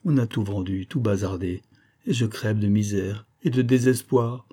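A man's voice: fairly low pitch, moderate pace, warm tone, natural voice. A man reading a novel aloud and voicing a dying woman who confesses to a false testimony, anguished and pleading, repeating words in despair. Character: dying guilt-stricken woman, a former false witness. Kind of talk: audiobook reading.

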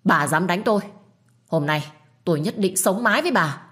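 A woman's voice: mid-range voice, moderate pace, voice pushed up, close to an everyday voice. A woman voicing a scheming young sister-in-law who whines and hurls accusations. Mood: enraged. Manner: whiny, accusing, loudly crying.

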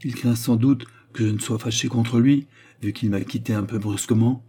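A man's voice: mid-range voice, steady tone, normal speed, dark tone, husky, natural voice. A man reading aloud, playing a good-hearted young workshop owner in an earnest, friendly way. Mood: kindly.

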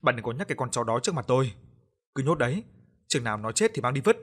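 A man voicing a grieving, quick-tempered old innkeeper who shouts in anguish, in a spoken story. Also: medium pitch, sing-song, slightly rough. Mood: angry.

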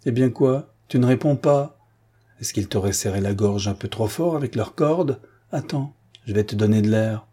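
A man's voice: on the low side, normal speed, husky. A man reading an audiobook, voicing a cruel, mocking male gang chief who tortures a captive and taunts him. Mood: menacing. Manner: taunting, then furious and shouting.

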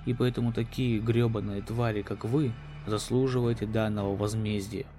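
A man voicing a gloating, menacing alien beast in a human body, slow, ominous and taunting, in a sci-fi horror audio drama. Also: lowish voice, level tone, warm tone, faint music behind, natural voice. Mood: gloating menace.

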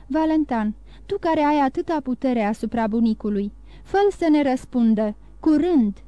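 A woman's voice: sits high, lively intonation, mellow, no room sound. A woman voicing a young male officer, an ardent lover who pleads urgently. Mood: pleading.

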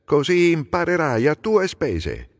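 A proud older king talks in a raised, testy voice, as a man puts him on for an audiobook. His pitch climbs and falls a great deal. Each phrase leaves a long reverb tail. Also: very animated, moderate pace, creaky, breathy edge, heavily acted. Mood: irritated. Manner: peering, uncertain, then testy. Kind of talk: dramatic audiobook reading.

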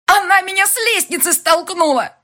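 A woman's voice: high voice, big pitch swings, moderate pace, husky, pitched above the performer's own voice, heavily acted. A woman reading an audiobook, voicing a furious, hysterical young woman who screams at the top of her voice. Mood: shrieking.

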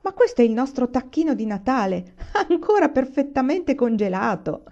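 A hearty, cheerful pioneer father, as a woman reads his lines. The voice stays mellow and dark. The recording sounds dull and lo-fi. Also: medium pitch, measured pace. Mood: jovial. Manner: hearty, exclaiming.

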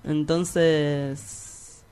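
Her voice is low and dark with a clean, level tone, and she draws out her words. She's a young Argentine poet from the Rioplatense region, chatting as an interview guest in a loose, halting, slang-filled manner punctuated by giggles.

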